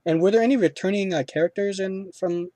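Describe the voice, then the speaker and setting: A man's voice: high-pitched, fairly quick, crowd noise. Rambling man hosting a film review. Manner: rambling, many fillers and restarts. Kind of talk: casual review chat.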